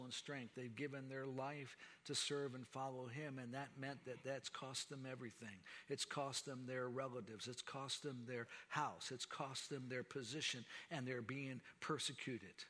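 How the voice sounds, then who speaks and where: A male preacher delivering a sermon, swinging dramatically between loud emphasis and hushed lines. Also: mid-range voice, steady tone, moderate pace, few pauses, big-room sound.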